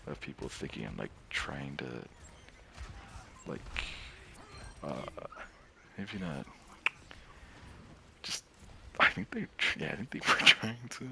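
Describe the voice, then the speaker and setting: Very deep gravelly man, rambling chat. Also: very animated, slow pace, long pauses, background noise. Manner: rambling, many fillers, laughs often, drops to soft near-whispers. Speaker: streamer and gamer. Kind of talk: casual rambling monologue.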